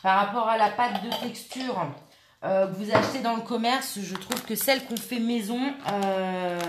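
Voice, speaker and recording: At her craft table, a woman leads a relaxed scrapbooking tutorial, walking through the steps with plenty of hesitations and filler words. Her voice is mid-range and moves at a normal speed. The room sounds spacious, and there's background noise.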